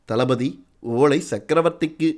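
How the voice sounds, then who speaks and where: A man's voice: on the high side, takes it slowly, a little mellow. A man voicing a polite, humble young warrior delivering a message, answering modestly and respectfully in an audiobook story.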